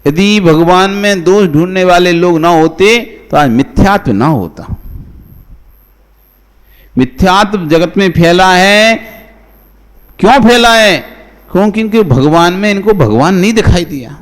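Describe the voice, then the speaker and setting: A monk delivers a sermon in a high, light voice. He keeps it conversational, putting rhetorical questions to the listeners and calling on them by name. His voice rings out with a long reverb, as in a large hall. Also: lively intonation, a little slow, long pauses. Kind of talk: devotional sermon.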